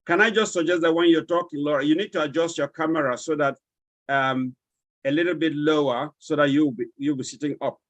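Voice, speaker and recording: Nigerian guy running a zoom webinar roll call, bit high voice, dry sound, polite and halting. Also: fairly even intonation, a bit bright, no room sound. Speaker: webinar moderator. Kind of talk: moderating an online webinar. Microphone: video call.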